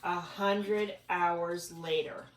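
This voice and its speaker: A woman reads a children's storybook aloud with expression, her fairly low voice steady in tone and drawing out words, and she chats casually with a child between passages. It's recorded at home in an echoey room with a distant mic and background noise.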